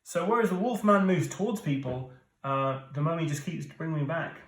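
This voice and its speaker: Speaking at a normal speed, the British thirtysomething host of a board game channel has a fairly high, animated voice. He walks through a playthrough, explaining rules chattily and joking on the side. Audio comes from a distant mic in an echoey room.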